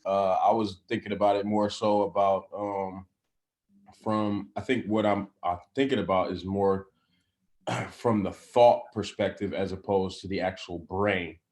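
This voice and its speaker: A man in his thirties speaks in a slightly low voice, feeling his way through his thoughts with many restarts and fillers. His talk is relaxed and conversational, and he laughs easily. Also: unhurried. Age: 30s. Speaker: class participant. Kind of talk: casual group discussion.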